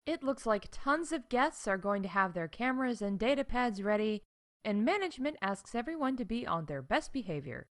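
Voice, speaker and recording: In a scripted comedy podcast, a woman plays a chatty, wry theme park staff announcer, emphatic and full of conversational asides. Her slightly high, sing-song voice moves at normal speed, and the mood is brisk and wry.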